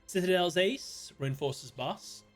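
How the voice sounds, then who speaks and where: A British man chatting casually while streaming a card game, thinking aloud, greeting viewers and breaking into sudden excited outbursts. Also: high voice, measured pace, faint music behind. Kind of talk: casual live-stream gameplay commentary.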